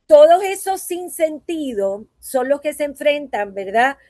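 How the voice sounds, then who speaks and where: Puerto rican lady voice teacher, kinda high, earnest, very dry mic. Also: big pitch swings, unhurried, darkish tone, no echo. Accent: Puerto Rican Spanish. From Puerto Rico. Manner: earnest, reflective, frequent "¿verdad?" tags. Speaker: voice and acting teacher. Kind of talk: conference talk.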